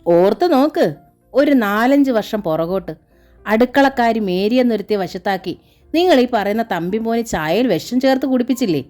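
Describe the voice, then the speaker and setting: A woman's voice: fairly high pitch, animated, moderate pace, darkish tone, faint music behind, close to an everyday voice. A woman voicing a stern police officer who interrogates and threatens a suspect, read from a novel. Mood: menacing. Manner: interrogating, menacing.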